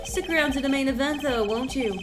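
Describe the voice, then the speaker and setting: A woman's voice: sits high, brisk, lightly acted. A woman voicing a smug, scheming male villain in a mystery game, taunting and gloating, with music under her voice. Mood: mocking. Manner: mocking, gloating, sneering.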